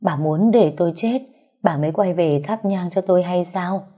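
A woman's voice: fairly low pitch, moderate pace, dark tone, breathy edge. A woman voicing an old grandfather who speaks in an earnest, pleading way.

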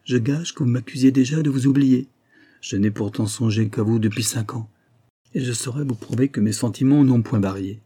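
A man's voice: mid-range voice, normal speed, mellow, husky, natural voice. A man voicing an ardent young male lieutenant who pleads eagerly and turns furious. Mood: pleading. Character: ardent young male lieutenant, smooth-talking then violent. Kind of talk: audiobook character voice.

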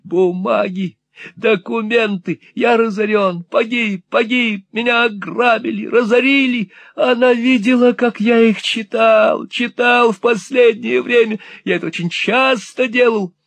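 A greedy old miser shrieks in a shrill, squealing wail, his voice pitched far above normal speech. The sound is dry and close. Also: steady tone, a little slow, gravelly, a bit bright, dry recording, exaggerated voice. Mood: frantic.

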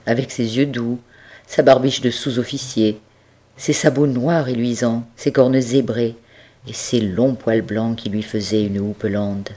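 A woman narrating a classic tale as an audiobook reader, expressive and talking straight to the listener. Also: extremely low pitch. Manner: expressive, addresses the listener directly. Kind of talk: storytelling narration.

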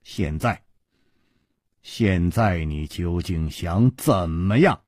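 A man voicing a proud male hero who is cornered but composed, speaking in a quiet, measured and resigned way, in a Chinese storytelling radio reading. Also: deep voice, lively intonation, no room sound, studio quality, voice pushed down, exaggerated voice. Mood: grim.

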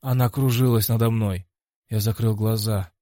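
A man narrating an action audiobook in the first person, in an even, matter-of-fact manner. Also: on the low side, moderate pace, no echo, studio quality.

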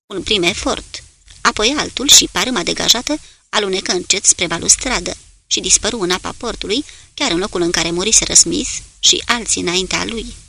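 Bright, gravelly woman narrating an audiobook. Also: mid-range voice.

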